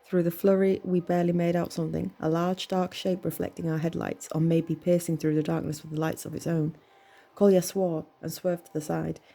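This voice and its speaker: A woman reading a horror story aloud in a measured, tense storytelling manner. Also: fairly low pitch, flat delivery, vocal fry. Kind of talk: scripted horror narration. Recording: soft music bed under voice.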